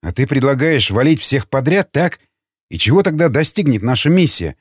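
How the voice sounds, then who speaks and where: A man voicing a stern veteran commander who barks orders gruffly. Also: mid-range voice, very animated, normal speed, dry recording. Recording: dry studio with faint music.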